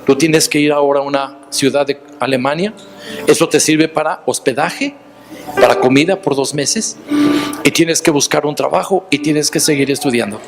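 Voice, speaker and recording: A man's voice: a little high, normal speed. A man with a Mexican accent preaching a sermon, telling stories and asking the listeners questions directly. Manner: storytelling, addressing listeners directly with rhetorical questions.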